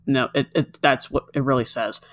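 A woman's voice: rumbling low, steady tone, moderate pace. A woman co-hosting a casual podcast, explaining things in long, chatty run-on sentences. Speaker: podcast co-host.

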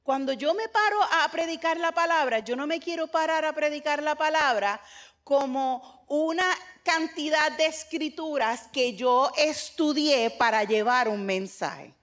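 A woman's voice: high voice, measured pace, a bit bright. An older woman pastor with a Puerto Rican accent, giving a conversational sermon that mixes family stories with emphatic exhortation. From Puerto Rico. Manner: conversational preaching with retold family anecdotes, rising to emphatic exhortation. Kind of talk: sermon to a women's meeting.

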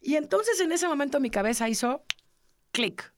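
There's a little hiss or hum as a middle-aged woman, a podcast co-host and interviewee, earnestly relates a personal story. She's animated, acting out others' dialogue, with a voice that sits high at a normal speed.

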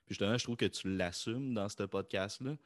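Québécois male co-host, low and dry, upbeat casual chat. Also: fairly quick, no echo. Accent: Québécois French. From Quebec. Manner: energetic, repeats "tu sais". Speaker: podcast co-host.

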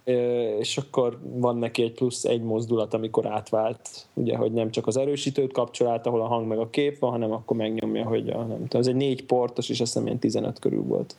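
Gravelly, mellow-voiced man chatting. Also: medium pitch, level tone, hardly any pauses. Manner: hesitant, trailing off with fillers. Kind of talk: casual chat.

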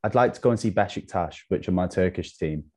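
A young man from North Wales, appearing as a podcast guest, chats casually in a low, quick voice with a darkish tone and breathy edge. He's laid-back and self-deprecating, laughing at himself often.

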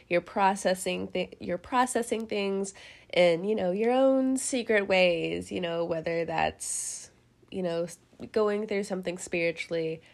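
A young woman with a head cold hosts a casual tarot reading, chatting and rambling, laughing often and swearing now and then. Her voice is on the low side with vocal fry.

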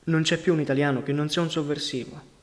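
A man's voice: on the high side, steady tone, fast talker, lightly acted. A man reading as a sardonic young partisan. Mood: dry mocking. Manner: dry, mocking, clipped. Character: sardonic, curt young male partisan leader. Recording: long reverberant hall sound.

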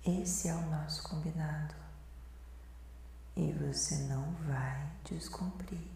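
Slow Brazilian woman, ASMR role-play in your ear. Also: low voice, fairly even intonation, warm tone, slight background noise. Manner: slow, breathy, sensual, murmured right into the ear. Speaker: host of an erotic audio podcast. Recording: very echoey voice over faint music. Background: music.

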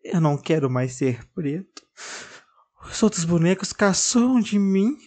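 A narrator voicing a shy, sad boy doll who sobs softly and hesitates as he speaks. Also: medium pitch, very animated, extremely slow, voice pushed up. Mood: choroso. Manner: fala baixinha e chorosa, hesitante. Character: boneco menino tímido, triste e chorão.

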